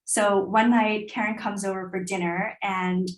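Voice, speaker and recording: A woman born in China and raised in New York, a company strategy lead, telling a lively story in a panel interview. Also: mid-range voice, measured pace. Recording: echoey room.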